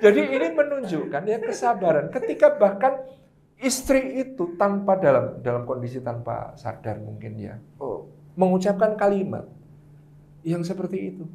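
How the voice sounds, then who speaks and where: Here a guest Islamic preacher with a high voice and some vocal fry talks at a moderate pace, sharing stories in a relaxed religious setting. He brings the quotes to life by acting them out, and the room gives off a noticeable echo.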